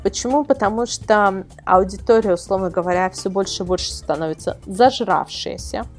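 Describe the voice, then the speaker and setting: Medium in pitch and normal in speed, this woman speaks with faint music behind her. Interviewed as a guest who edits a website and reviews products, she explains things in a chatty, rambling way, repeating herself for emphasis.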